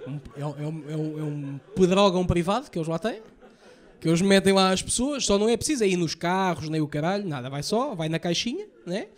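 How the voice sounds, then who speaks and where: Fast-talking Portuguese stand-up comedian. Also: male voice, sits high, lively intonation. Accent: European Portuguese. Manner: profane, rapid storytelling with acted-out quotes. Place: comedy stage before a live audience.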